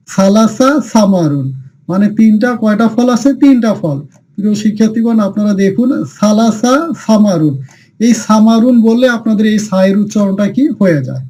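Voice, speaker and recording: High-voiced man teaching in a mellow drill. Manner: repetitive question-and-answer teaching, answering his own questions. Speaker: Quran teacher. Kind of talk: recorded online class.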